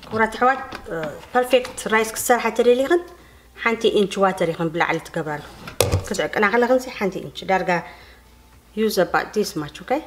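Talking very fast in a mid-range voice, a woman whose first language is Tigrinya chats step by step through a home cooking demonstration and regularly addresses her viewers. She's off-screen behind the camera mic in an echoey kitchen with slight background noise.

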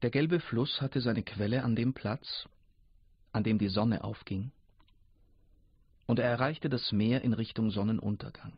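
A man narrating a fable in a measured storytelling reading for radio, in a dull lo-fi recording. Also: medium pitch, breathy edge, dry recording.

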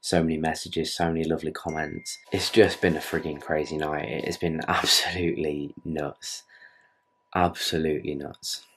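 A young British man in his twenties talks to his camera at night in his bedroom, a fitness vlogger rambling earnestly and swearing casually. His bass voice is fairly bright with a breathy edge, delivered flatly at normal speed in a British English accent.

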